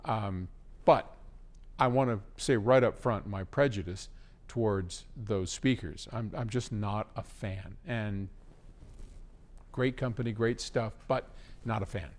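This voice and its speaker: Speaking slowly in a lowish voice, a host takes listener questions and offers advice in a relaxed, conversational way. He clears his throat frequently.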